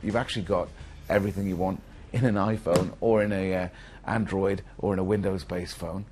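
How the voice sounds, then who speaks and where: A man's voice: deep voice, fairly even intonation, fairly quick, a little mellow, soft background music. A male comedian in an interview, enthusiastic.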